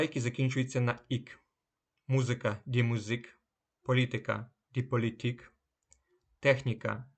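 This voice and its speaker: Man, language teacher, scripted vocabulary lesson, measured delivery, mid-pitched voice. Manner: measured, slows down to say each German word clearly.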